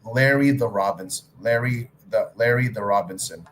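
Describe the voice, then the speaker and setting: A man co-hosting a casual chat stream, ranting and swearing freely in an animated way. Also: lowish voice, normal speed.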